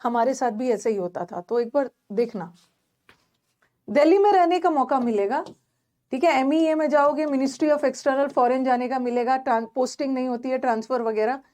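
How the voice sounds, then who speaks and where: A woman's voice: high voice, dark tone. A young woman teaching an English grammar class, chatty and talking straight to her students with many fillers and restarts. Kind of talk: online class lecture.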